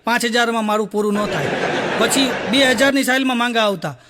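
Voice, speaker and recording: A man's voice: extremely high pitch, fast, very noisy. A man telling stand-up comedy stories in a sing-song, repetitive way. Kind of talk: stand-up storytelling.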